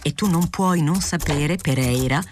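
A woman's voice: low voice, measured pace, a little mellow, slight background noise. A woman voicing an authoritarian, condescending male newspaper director with a brusque, lecturing manner, in a literary audiobook.

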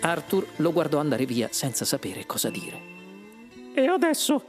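A man reading a novel aloud as scripted narration with an expressive delivery. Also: medium pitch, moderate pace, music in the background. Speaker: audiobook reader.

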